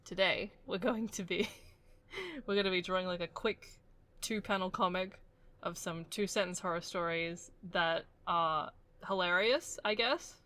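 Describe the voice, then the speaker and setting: A woman co-hosting a casual chat while drawing, chatty and quick to giggle. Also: on the low side, pushed and bright. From Australia. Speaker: co-host.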